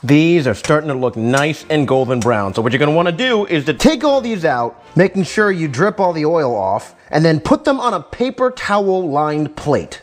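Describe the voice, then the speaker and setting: A tipsy, giggly, goofy man hosting a casual, jokey cooking lesson. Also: fairly high pitch. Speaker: host of a drunk cooking tutorial. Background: music.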